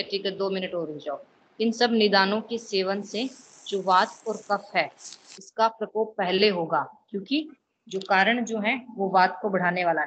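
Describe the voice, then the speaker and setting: A woman's voice: medium pitch, muffled recording, a little hiss or hum. A woman teaching an online class, reciting classical verses and explaining each one, with frequent check-ins to her students. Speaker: ayurveda lecturer.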